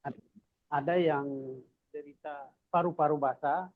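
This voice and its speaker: A man calls in with questions and speaks hesitantly, full of fillers. His fairly high voice comes through a thin, phone-like line. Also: fairly even intonation, measured pace, dry recording. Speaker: caller asking questions. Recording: phone-like call audio.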